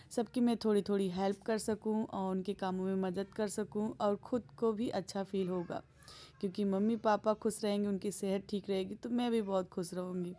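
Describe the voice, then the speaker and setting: A woman talks through her morning housework in a homely, conversational voice-over. Her pitch sits in the middle and barely rises or falls, so the voice stays level and calm throughout. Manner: homely, chatty, gentle storytelling. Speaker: vlogger. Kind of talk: voice-over narration of daily chores.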